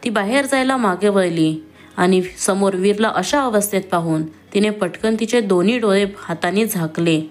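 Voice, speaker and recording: A woman reading a family love story aloud, voicing each character in her own voice with dialogue pitched a little higher. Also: normal speed. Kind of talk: scripted story narration.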